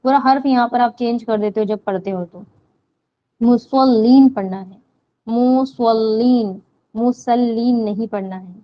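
A woman teaching Quran recitation rules, explaining slowly and answering her own questions, with drawn-out chanted recitation of verses. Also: fairly high pitch, highs cut off. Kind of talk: slow step-by-step tajweed lesson.

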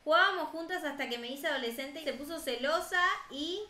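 A woman's voice: high voice, fairly quick, bright, forceful tone, echoey room. A young woman reading a stern worried mother. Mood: urgent. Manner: plainly read dialogue.

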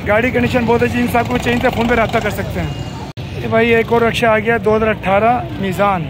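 Upbeat man with a Pakistani Urdu accent, high voice, noisy street market. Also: steady tone, quick pace. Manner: upbeat, pitches deals to viewers. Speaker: vlogger interviewing rickshaw sellers. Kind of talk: on-the-spot market vlog. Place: outdoor rickshaw market. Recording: loud market crowd and traffic noise.

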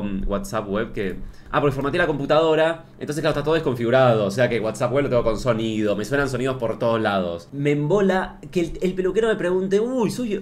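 Argentine guy ranting fast to camera, sarcastic and over the top. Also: mid-range voice, a little hiss or hum. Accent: Argentine Spanish. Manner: sarcastic, exaggerated storytelling. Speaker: comedy youtuber. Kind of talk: comedic rant to camera.

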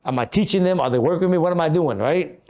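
A podcast co-host in his fifties talks fast in a high-leaning, dark-toned voice. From an office meeting room, he gives a motivational talk on goal setting, coaching earnestly and leaning on rhetorical questions.

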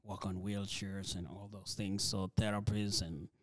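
Guesting on a church interview, this ministry leader, a native Dinka speaker, has a low, flat, soft-spoken voice. He hesitates often, restarting sentences and filling pauses. There's no reverb in the dry recording.

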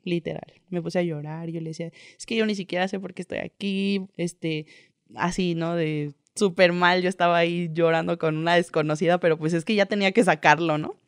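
A woman's voice: on the low side, steady tone, a little fast, dry recording, studio quality. A young woman with a Mexican accent, a guest telling her own story in a casual, chatty way, full of slang and filler tags. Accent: Mexican Spanish.

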